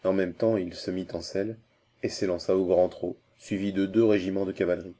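A man narrates a classic adventure novel as an audiobook. His voice sits low and sounds mellow and relaxed, and his delivery is measured and steady.

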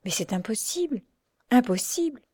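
Brief: exasperated man doctor, blunt exclamations, a woman narrator reads him; warm, dry audiobook. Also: on the high side, expressive, unhurried, dry recording, voice pushed up. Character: exasperated older male doctor, blunt and troubled.

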